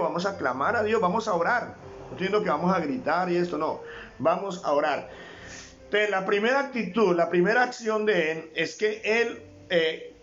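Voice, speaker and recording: A man's voice: sits high, fairly bright tone, muffled recording, a little hiss or hum. A man from Colombia with a Colombian accent, a pastor giving a fervent sermon over a live stream, repeating words for emphasis and calling listeners brother. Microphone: livestream.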